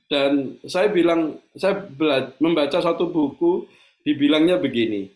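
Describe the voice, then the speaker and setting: High-voiced chatty pastor. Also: male voice, unhurried, a little mellow, reverberant. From Indonesia. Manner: chatty storytelling, addresses congregation often. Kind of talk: sermon.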